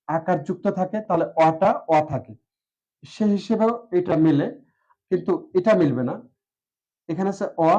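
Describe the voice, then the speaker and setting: Bangladeshi guy teaching pronunciation, slow, drags out the example words, says ah a lot, sounds kinda muffled. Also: high voice, dark tone. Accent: Bangladeshi Bengali. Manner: slow and deliberate, drawing out example words, frequent "ah" fillers. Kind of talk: classroom lecture on pronunciation.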